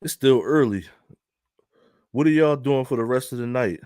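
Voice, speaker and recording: A man's voice: medium pitch, normal speed, a little mellow, clean tone, no echo, studio quality. A man hosting an online news live stream, commenting casually with loose jokes and frequent laughter. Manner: loose, joking, laughs often.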